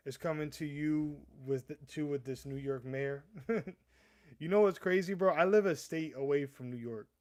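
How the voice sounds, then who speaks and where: In a slightly high, somewhat mellow voice, a young man from the East Coast of the US chats casually on his livestream at a normal speed. He rambles, stumbles, and restarts his sentences frequently, addressing viewers as "bro."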